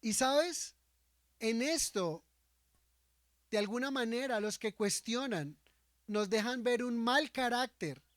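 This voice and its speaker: A man's voice: very high voice, fairly bright tone, no room sound. Male pastor preaching in a dry sound. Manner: asks the congregation frequent rhetorical questions; acts out quoted speech from scripture. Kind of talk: sermon.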